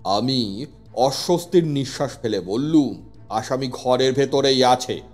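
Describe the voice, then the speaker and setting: Taking the role of a police inspector, a man narrates a first-person scripted horror story in an unhurried, mid-range voice. The delivery is dramatic and suspenseful, heard through long reverb over underlying music.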